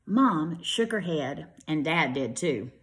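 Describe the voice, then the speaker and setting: An American woman reads aloud to small children in the manner of a kindergarten teacher, with a very expressive pitch that rises and falls a lot. She pauses to explain things in simple words during this animated read-aloud. There is slight background noise.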